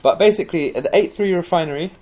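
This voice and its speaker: A man's voice: high-pitched, fast, dark tone. A man giving a casual, rambling gameplay tutorial, chatty and full of restarts. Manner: caffeinated, pepped up. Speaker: game guide presenter.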